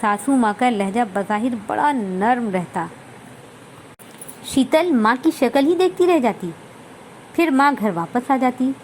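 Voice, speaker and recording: High-voiced woman reading a story aloud. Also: slight background noise, low-quality recording. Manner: measured, expressive reading. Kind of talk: scripted story narration.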